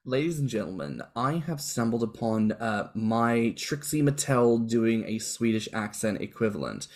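A man's voice: medium pitch, sing-song, normal speed, darkish tone. A man co-hosting a casual podcast chat, musing at length with playful asides. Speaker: podcast co-host.

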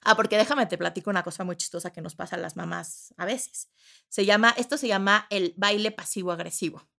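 A woman giving casual parenting advice, animated and acting out loud outbursts as examples. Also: mid-range voice, fairly quick, creaky. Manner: animated, acts out voices with sudden loud outbursts. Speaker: parenting expert guest.

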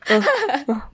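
Female podcast co-host with a cold with a cough, casual chat, a lively swooping voice, dry close sound. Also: extremely high pitch, no echo. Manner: animated storyteller, mimics voices.

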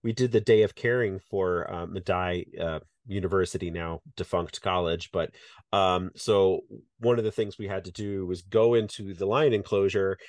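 Male podcast host, very low voice, dry close sound, chatty and self-mocking. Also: fairly even intonation, moderate pace, darkish tone, no echo. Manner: chatty, self-mocking, laughs at his own stories. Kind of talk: casual interview chat.

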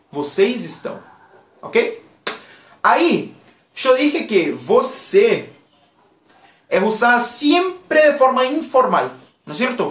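Slow, lively teacher in a roomy space. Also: medium pitch. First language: Portuguese. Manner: patient, repeats phrases slowly for learners. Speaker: language teacher. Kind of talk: live online language lesson. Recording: roomy echo.

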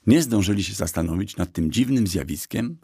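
A man narrating a children's audiobook calmly and evenly into a close studio mic. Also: fairly low pitch, brisk, breathy edge, no room sound.

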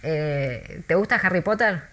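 An Argentine woman who works as a tour guide, chatting in an interview with lively, storytelling delivery and many restarts. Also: on the low side, unhurried. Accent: Argentine Spanish.

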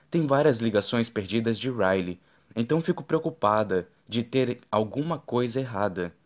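Guy reading an audiobook, kinda low voice, steady even delivery. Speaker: audiobook narrator. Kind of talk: first-person audiobook narration.

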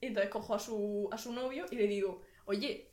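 A woman's voice: medium pitch, steady tone, brisk, darkish tone. A young woman with a Murcian Spanish accent telling a funny story on a podcast as a guest, often laughing and acting out the dialogue. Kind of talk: casual storytelling. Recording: echoey room.

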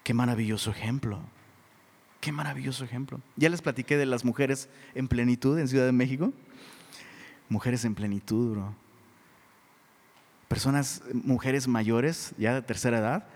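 A middle-aged Mexican man preaching a sermon in a casual, animated way, often calling listeners "bro.". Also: medium pitch, a little slow, long pauses. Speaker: pastor. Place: church hall. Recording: long hall reverb.

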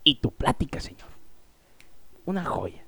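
A man's voice: a little slow, sharp tone, dry recording. A man playing a drunk, boastful male doctor who keeps repeating his praise. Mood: drunk gushing.

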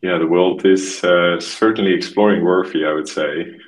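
Deep, flat-voiced man from Estonia. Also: rough recording. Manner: halting, restarts and repeats words often. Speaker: podcast guest, marketing expert. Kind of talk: casual interview conversation.

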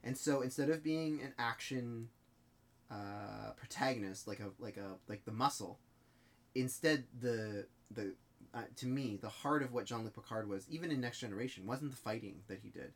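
A man co-hosting a podcast in casual chat, excitable and swearing often. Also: medium pitch, normal speed. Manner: excitable, profane, animated. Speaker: podcast co-host.

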